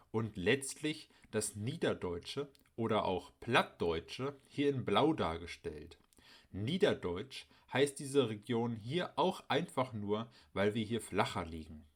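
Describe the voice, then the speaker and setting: A man narrating a scripted educational voice-over, explaining clearly and speaking directly to his viewers. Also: lowish voice, sing-song, takes it slowly. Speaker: channel host explaining dialects.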